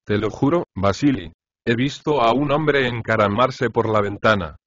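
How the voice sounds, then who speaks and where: A man's voice: mid-range voice, normal speed, fairly bright tone, no echo, lightly acted. A commanding, nagging wife, read by a man. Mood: imperious. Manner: imperious and nagging. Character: fussy, commanding middle-aged wife. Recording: dry, slightly dull audiobook recording.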